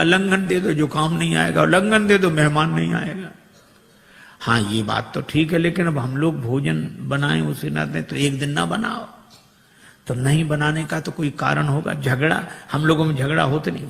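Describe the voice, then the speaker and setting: A man preaching a storytelling sermon, lively, acting out the voices of the characters in his tales. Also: a little high, moderate pace, creaky. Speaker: spiritual preacher. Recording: long hall reverb.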